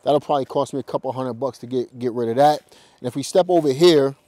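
A man's voice: medium pitch, fast talker, mellow, no room sound. A man, a real estate investor, chatting casually to viewers in a walk-through vlog, talking straight to the camera with lots of fillers and restarts. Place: outdoors at a house, then in a car.

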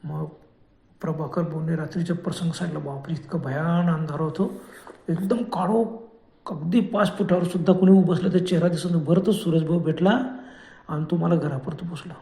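A man's voice: fairly high pitch, steady tone, fairly quick, vocal fry, dark tone. A man telling a horror story in a loose, conversational way, with frequent restarts. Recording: echoey room.

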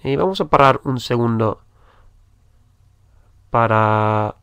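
A man's voice: lowish voice, a bit bright, clean tone, no room sound, clean studio sound. A man teaching a language lesson, patiently repeating each phrase and spelling out letters. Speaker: English teacher. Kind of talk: slow spoken language lesson.

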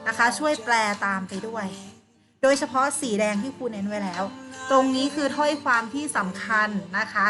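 With music playing underneath, a woman runs an online primary class at a normal speed and a fairly high pitch. Patient and coaxing, she puts questions to her pupils and supplies the answers herself.

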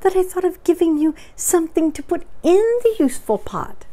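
A woman's voice: very high-pitched, animated, fairly quick, warm tone, pitched above the performer's own voice. A woman voicing a small, timid, apologetic male piglet from a storybook, speaking hesitantly. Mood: pleased. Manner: hesitant, stammering.

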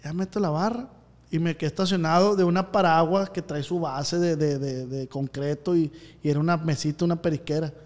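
A man's voice: a little high, fairly even intonation, a little fast, a little mellow, in a large hall. Slangy storytelling man. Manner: slangy storyteller, acts out voices in anecdotes. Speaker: podcast host. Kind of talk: casual podcast chat.

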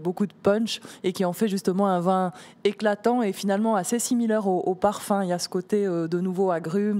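Swiss French woman, thirties, TV wine expert; low, warm, hesitant delivery on a handheld mic. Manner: hesitant, many fillers and restarts. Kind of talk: wine tasting commentary on TV. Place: TV studio in a stone cellar.

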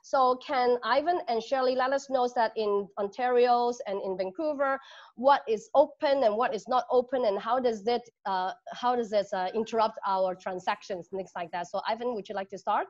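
A woman hosts an online panel in a loose, chatty way, with casual fillers. Her voice sits a little high. The sound is dull and lo-fi, as over a video call. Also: moderate pace, darkish tone. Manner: chatty, informal, with laughs. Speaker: host.

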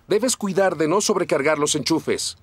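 A man voicing a calm, dependable heroic fireman in a Spanish children's cartoon, giving reassuring and clear instructions. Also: on the high side, normal speed.

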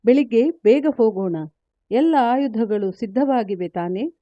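A woman's voice: on the high side, lively intonation, measured pace, dry recording, lo-fi sound. Arjuna, a woman voicing a warrior prince. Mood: earnest.

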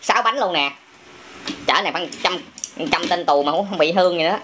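A father playing along on a family toy channel talks in a fairly quick, high-sitting voice with a southern Vietnamese accent. He chats playfully while busy with toys at a table of bricks in an indoor room at home, teasing and repeating short phrases. The home camera audio is noisy, with plastic bricks clicking.

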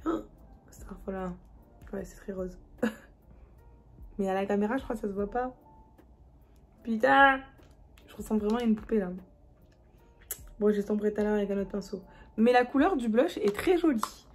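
A woman's voice: medium pitch, moderate pace, pauses often, faint music behind. A young woman with a Marseille accent chatting casually through a makeup review, slangy and laughing, dropping into murmurs as she applies products. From France. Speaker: beauty vlogger.

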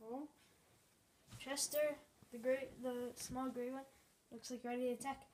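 A woman giving excitable mock play-by-play commentary, swinging from low mutters to sudden yelps, filmed at home in a bedroom. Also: unhurried. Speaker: channel host filming pets. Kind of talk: mock sports commentary on a cat fight.

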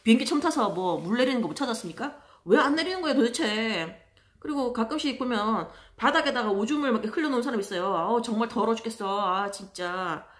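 A woman telling stories in a casual monologue, chatty and exasperated, acting out other people in loud voices. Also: on the high side, lively intonation, fast talker. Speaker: vlogger.

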